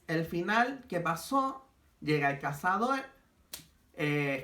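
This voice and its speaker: A man teaching a language class to young pupils, spelling out examples slowly for children. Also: on the high side, bright, forceful tone. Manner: slow, stretched-out examples for children. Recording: echoey room.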